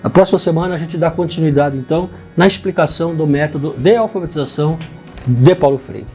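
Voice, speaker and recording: A Brazilian man with a slightly raised pitch talks through a lesson point by point. He keeps pausing to check his listeners are following. Soft guitar music plays quietly underneath. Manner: explains step by step, checking in with "tá?" and "né?". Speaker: host, union president. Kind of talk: spoken educational explanation. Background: faint guitar music.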